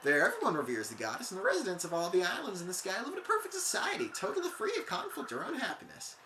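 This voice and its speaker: A let's player voicing an excitable male rock creature, with a laid-back surfer drawl and a bit of hillbilly twang, who keeps calling the listener "bud.". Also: mid-range voice, quick pace, reverberant, a little hiss or hum, pitched above the performer's own voice.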